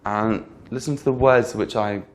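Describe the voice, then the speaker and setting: A man whose voice sits on the low side, with fairly even intonation, teaches English pronunciation in an online lesson. Patiently repeating sample words, he slows down to demonstrate which ones take the stress.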